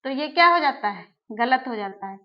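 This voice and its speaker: A woman teaching an exam-prep spelling lesson, who asks her class questions and then answers them herself, repeating each word slowly. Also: high-pitched, expressive, highs cut off. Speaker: Hindi teacher.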